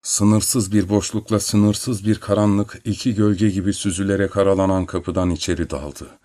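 Deep-voiced male audiobook narrator. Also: flat delivery, normal speed, warm tone, no room sound.

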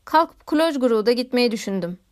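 A woman reading a classic novel aloud in a measured, literary narration. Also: on the high side, animated, a little mellow. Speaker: audiobook narrator. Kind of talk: scripted narration.

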